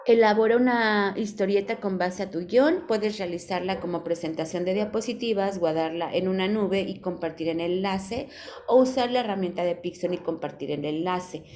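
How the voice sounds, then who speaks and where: A woman's voice: medium pitch, normal speed, a little mellow. A Mexican woman guiding students through an online class. She reads instructions from the screen and explains them patiently, with an affectionate tone toward her students. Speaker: virtual class advisor.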